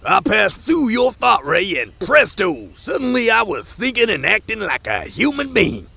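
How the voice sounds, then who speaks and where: A man voicing a sly, theatrical talking wolf in a cartoon comic dub, pompous and raspy. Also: high-pitched, sing-song, normal speed, bright, forceful tone, full character voice. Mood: suavely polite. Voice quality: raspy, gravelly. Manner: pompous, elaborately polite.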